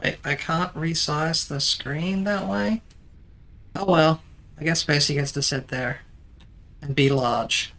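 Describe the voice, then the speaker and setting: A streamer with a bright, forceful voice, talking casually through a live game. The delivery is dry and teasing, explaining steps to a co-player with plenty of ums. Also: medium pitch, slow, pauses often. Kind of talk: casual live-stream chat while playing.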